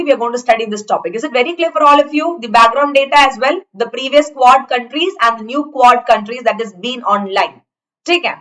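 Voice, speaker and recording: A woman's voice: on the high side, fairly bright tone, poor audio. A woman with an Indian accent teaching in a conversational lecture style, chatty and explanatory, often checking that students follow. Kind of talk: conversational online exam lecture.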